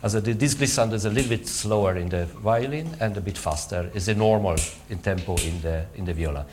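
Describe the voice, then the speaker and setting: A man coaching string players in rehearsal, halting with fillers, switching between English and French and vocalizing sounds to demonstrate. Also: lowish voice, noisy background. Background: string instruments playing.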